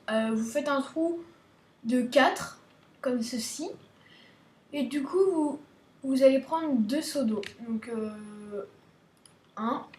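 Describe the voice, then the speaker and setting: Woman host, high voice, playful game tutorial chatter, roomy echo and faint hiss. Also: a little mellow. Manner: chatty and playful, many restarts, talks to viewers. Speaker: gaming video host. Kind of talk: casual game tutorial commentary.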